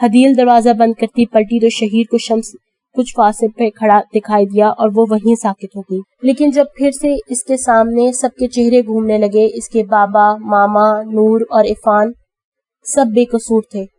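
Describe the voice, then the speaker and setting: A woman narrating an Urdu audio novel dramatically, voicing characters' cries and shouts. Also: on the high side, steady tone, dry recording.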